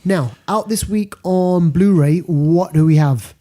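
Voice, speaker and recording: With a high-sitting, mellow voice and a slightly slow pace, a British man hosts an informal film podcast, going over the box office rankings and repeating phrases to stress his points.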